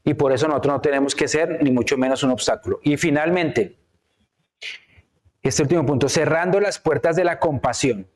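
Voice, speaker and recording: A man's voice: on the high side, moderate pace. A man preaching a sermon to a church congregation, often checking in with the listeners and acting out the words of biblical characters. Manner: frequent rhetorical checks with the congregation. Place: church in Canada.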